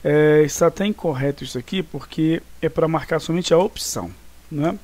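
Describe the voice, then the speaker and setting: A man's voice: on the high side, moderate pace, warm tone. Casual man teaching a grammar lesson. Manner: casual, chatty, with many fillers and check-ins. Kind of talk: recorded online class, explaining exercises.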